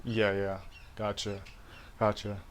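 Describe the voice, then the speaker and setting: A man's voice: fairly low pitch, monotone, slow. A man hosting a casual interview, laid-back and affirming as he asks questions. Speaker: podcast host.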